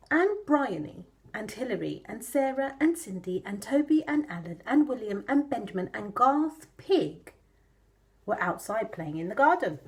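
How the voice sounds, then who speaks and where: Female kids' storyteller, broad singsong theatrical delivery, animated melody, unhurried pace. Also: mid-range voice. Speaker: children's storyteller. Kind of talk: storytelling for young children.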